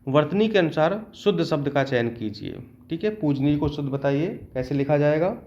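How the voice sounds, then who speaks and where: A man's voice: a little high, lively intonation, normal speed, a little mellow, lo-fi sound. A male teacher going through exam questions step by step, often stopping to check in with his students. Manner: explains step by step, often adds a checking "okay". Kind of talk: exam-prep lesson.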